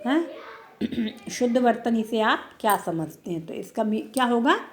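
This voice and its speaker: Slow-paced woman teacher, careful. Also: fairly high pitch, lively intonation. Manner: slow, careful, repeats each word for pupils. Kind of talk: online grammar lesson.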